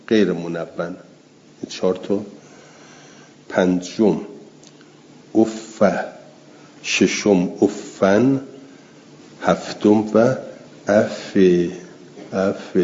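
Low, dark-voiced man teaching grammar. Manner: reads a line of text, then explains it slowly with examples. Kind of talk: classroom lecture, reading Arabic text and explaining in Persian. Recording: dull lo-fi recording with faint background noise.

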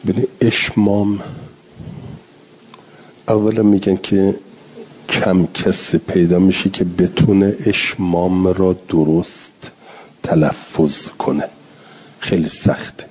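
Deep husky man teaching recitation. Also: fairly even intonation, darkish tone. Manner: explains slowly, drawing out Arabic words to demonstrate pronunciation. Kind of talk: classroom lecture on Quran readings. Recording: dull lo-fi recording.

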